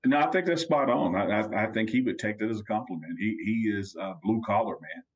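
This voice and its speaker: A man's voice: on the low side, lively intonation, fairly quick, breathy edge. A man with a Southern US accent and a folksy drawl, chatting casually about sports as a commentator on a talk show.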